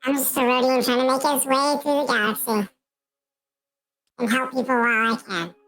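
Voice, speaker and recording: A man voicing a brash male alien medic in a high, squeaky chipmunk-like voice, halting and full of fillers. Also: steady tone, pushed and bright. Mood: smug. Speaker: player. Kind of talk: tabletop roleplay in character.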